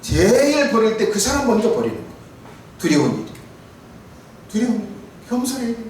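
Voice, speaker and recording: Emphatic pastor in an echoey church. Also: male voice, sits high, big pitch swings, fairly quick. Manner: emphatic, swings between shouting and quiet. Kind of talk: sermon. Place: church sanctuary. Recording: echoey church hall, mic from far off, faint noise.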